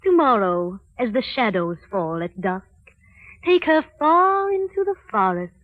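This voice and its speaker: An actress playing a cold, haughty, jealous queen who gives imperious, measured commands on a dull old film soundtrack. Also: on the high side, sing-song, no echo. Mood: menacing.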